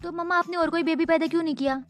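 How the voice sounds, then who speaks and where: High-voiced young woman voicing a teen girl. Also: fairly even intonation. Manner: curious, quick to question. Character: teenage girl who can see people's ages. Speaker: voice-over performer. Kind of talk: dubbed comic short drama.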